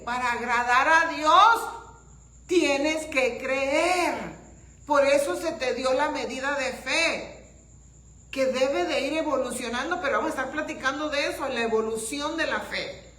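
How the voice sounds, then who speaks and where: Woman pastor preaching, high bright voice, slow, roomy echo. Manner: fervent preaching, rhetorical questions to the congregation, bursts of shouting. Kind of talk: sermon.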